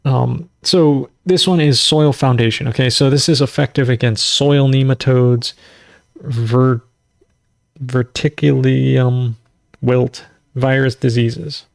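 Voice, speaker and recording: A man hosting a natural farming livestream runs a casual live Q&A, reading recipes aloud and rambling, often stumbling over numbers and foreign words with self-deprecating asides. His mid-range voice is gravelly, slow, and fairly even in intonation. The recording is dry and studio quality.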